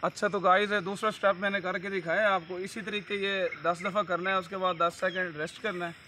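Bright-voiced young Pakistani man. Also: high-pitched, flat delivery, a little fast, a little hiss or hum. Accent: Pakistani Punjabi. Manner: easygoing, explains steps plainly. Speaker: friend demonstrating exercises. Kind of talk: casual instructional vlog talk. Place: outdoors in a village field. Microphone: phone camera.

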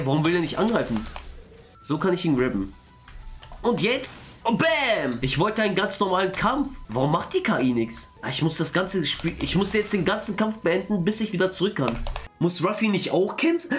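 A young man giving excitable let's-play commentary, quick to exclaim and swear as he plays. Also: high voice. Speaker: gaming YouTuber.

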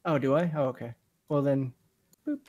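A man playing a tabletop game as the dark overlord over voice chat. He jokes in a mock-bossy way. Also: mid-range voice, moderate pace, highs cut off. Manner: playful, mock-bossy, laughs often. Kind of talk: casual in-character game banter.

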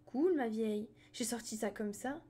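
A woman reading aloud and voicing an easygoing, joking teenage boy in her own mellow voice. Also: a little high, normal speed, slightly rough. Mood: teasing. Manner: relaxed, teasing.

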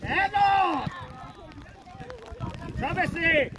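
A man's voice: very high voice, lively intonation, sharp tone. A man watching a village football match from the sideline, cheering players by nickname and swearing freely. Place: outdoor football pitch. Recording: outdoor crowd noise.

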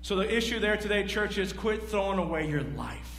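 Animated pastor preaching in an echoey church. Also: male voice, sits high, a little fast. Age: 40s. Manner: animated, pacing the stage and gesturing; rhetorical questions to the congregation. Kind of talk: sermon. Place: large church stage. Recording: echoey hall, faint hum.

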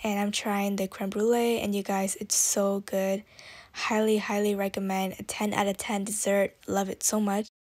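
A woman's voice: medium pitch, flat delivery, normal speed, darkish tone. A woman food vlogger talks through a mouthful while reviewing dessert, her words muffled by the food. She chats casually and gushes to her viewers, with a mid-range voice. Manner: chatty, gushing, addresses viewers as you guys. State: mouth full.

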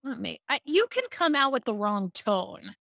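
A middle-aged woman speaking coach talks with high energy, racing through ideas and restarting sentences. Her voice is bright and forward. The recording is dry and close. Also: very animated, moderate pace, gravelly, dry recording. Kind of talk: podcast interview.

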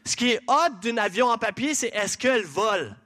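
A man preaching a sermon in a church with a Québécois French accent, animated and conversational, asking the congregation questions. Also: sits high, moderate pace. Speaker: pastor.

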